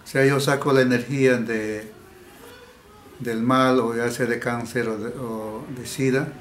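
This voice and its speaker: This Peruvian Amazon healer speaks in a mid-range voice with fairly even intonation, answering interview questions slowly and haltingly, often restarting and repeating words. The indoor room sounds echoey, with faint background hiss.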